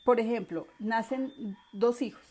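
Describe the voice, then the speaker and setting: A woman's voice: on the high side, measured pace. Woman lecturing an online class. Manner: animated, acts out quoted parents and children. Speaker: online course instructor.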